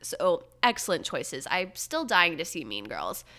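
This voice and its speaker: Bright-voiced gossipy woman host. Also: measured pace. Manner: gossipy, sarcastic, animated with swooping pitch. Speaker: podcast host. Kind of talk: casual pop-culture chat.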